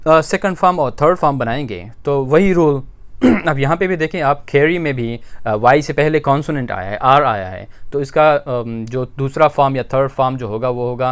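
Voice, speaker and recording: A man, an Urdu speaker, teaching grammar in a patient lesson, repeating points and pausing with many "uh"s. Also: mid-range voice, smooth. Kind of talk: explanatory lesson.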